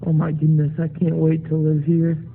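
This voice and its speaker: A man's voice: fairly high pitch, monotone, normal speed, gravelly. A man voicing an easily impressed sock puppet newcomer in an amateur puppet show. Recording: tinny, noisy phone-like recording.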